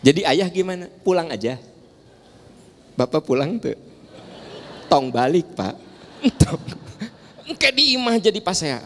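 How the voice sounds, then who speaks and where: A man's voice: high-pitched, sing-song, unhurried, pauses often, a bit bright, a little hiss or hum. A man with a Sundanese accent giving a playful, teasing sermon in a large mosque, joking with the audience and asking them questions. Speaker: preacher. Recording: long hall reverb in a large mosque.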